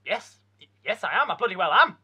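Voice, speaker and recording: A hapless, stammering husband in a comedy sketch, played by a man. His husky voice leaps all over the place in pitch. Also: sing-song, fast, pushed and bright, exaggerated voice. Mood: flustered. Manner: flustered, stammering.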